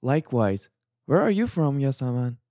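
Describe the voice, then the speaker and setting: A woman's voice: extremely low pitch, big pitch swings, moderate pace, warm tone, pitched below the performer's own voice. A woman voicing an adult male learner in a practice dialogue, giving plain short replies. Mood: friendly.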